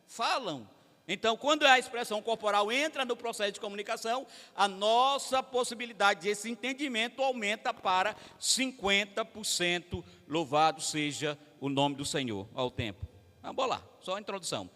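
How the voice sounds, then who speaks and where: High bright-voiced preacher in an echoey hall. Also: male voice, lively intonation, moderate pace. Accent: Brazilian Portuguese. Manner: conversational, addresses the congregation directly. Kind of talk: family service teaching. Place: large church hall.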